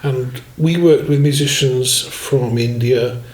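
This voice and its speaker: A man in his sixties reminisces about his life in music, rambling easily and leaning on "you know". His voice sits at an ordinary middle pitch. It rings a little in an echoey room. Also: slow, a little mellow. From Swansea, Wales. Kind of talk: relaxed autobiographical chat.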